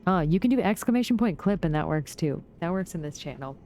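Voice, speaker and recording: Low, mellow-voiced woman streamer, excitable. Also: quick pace, a little hiss or hum. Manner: excitable and profane, jumps to high yelps. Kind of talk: casual live gameplay commentary.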